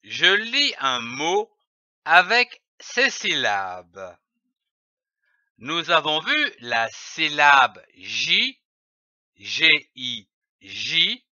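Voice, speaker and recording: A man teaching children to read, spelling letters out and sounding each syllable slowly. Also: fairly high pitch, huge pitch swings, sharp tone, no echo, muffled recording. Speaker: reading teacher. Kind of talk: slow syllable-by-syllable reading lesson.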